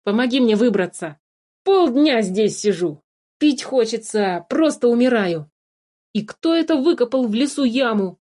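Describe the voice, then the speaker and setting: A woman's voice: a little high, animated, unhurried, warm tone, pitched above the performer's own voice. A woman voicing a small, sly male forest changeling who chatters cheerfully and wheedles without guilt. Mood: cheerful pleading. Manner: chirpy, wheedling, unbothered.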